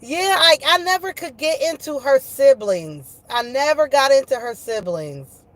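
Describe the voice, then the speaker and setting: A woman's voice: high-pitched, expressive, measured pace, no room sound. A woman chatting casually on a livestream in a slangy, profane, gossipy way, often repeating her phrases for emphasis. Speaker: online streamer talking with live chat viewers.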